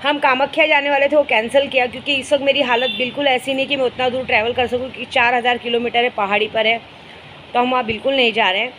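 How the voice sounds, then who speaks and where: High-pitched woman, chatty spiritual guide telling stories to her followers. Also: steady tone, fast, a bit bright, a little hiss or hum, poor audio. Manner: chatty, storytelling, fond asides. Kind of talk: casual vlog chat to followers.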